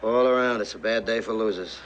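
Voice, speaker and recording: An actor playing a laconic, dry-witted, tough private detective speaking deadpan in a film. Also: male voice, lowish voice, fairly quick, heavy background noise, natural voice. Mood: dry, sardonic. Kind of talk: film dialogue.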